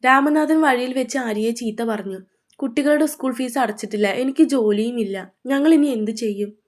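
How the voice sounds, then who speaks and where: A woman's voice: on the high side, normal speed, natural voice. A woman voicing a worried young husband who blames himself, in a storybook reading. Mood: despairing. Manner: anxious, pleading. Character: despairing young husband, worried and self-blaming.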